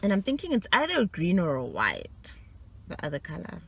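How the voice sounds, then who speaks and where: A woman's voice: fairly low pitch, huge pitch swings, brisk, gravelly, a bit bright, husky. A woman, chatting casually and teasing herself as she works through a quiz for her own video, laughing often between answers. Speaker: vlogger quizzing herself.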